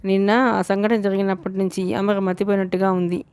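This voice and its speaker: A woman's voice: medium pitch, brisk, smooth, no echo, studio quality. A woman narrating a novel as an audiobook, reading evenly and often correcting herself. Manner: even storytelling with frequent self-corrections. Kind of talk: novel read aloud.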